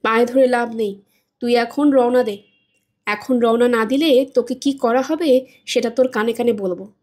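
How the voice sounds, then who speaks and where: In a storybook reading, a woman with a fairly high, slightly mellow voice speaks unhurriedly as a brutal bodybuilder thug, an adult man. Her delivery is coarse, threatening, and menacing.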